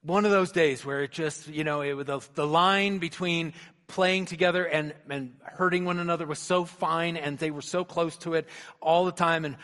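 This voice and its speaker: A middle-aged pastor preaches in a hall with a long, lingering reverb, his voice sitting a little high for a man. He tells stories and slips into voices as he quotes people, moving between hushed lines and louder ones. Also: fairly even intonation, normal speed. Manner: storytelling, acts out voices in quotes. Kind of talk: sermon.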